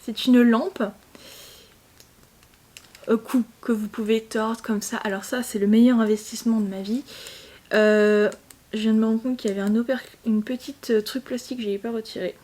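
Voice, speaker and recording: A young woman talks to her camera from home in a loose, bubbly way, stumbling over her words and piling up fillers. Her voice sits a touch high yet sounds soft and mellow rather than bright. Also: fairly even intonation, normal speed, slight background noise. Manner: chatty, bubbly, many fillers and restarts. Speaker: vlogger. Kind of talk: casual chat to camera.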